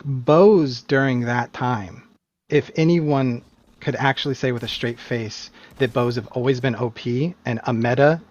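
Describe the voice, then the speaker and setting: A competitive game player, appearing as a guest, answers interview questions in a mid-range voice on a muffled recording. He's casual and animated, voicing emphatic opinions and frequently restarting his sentences.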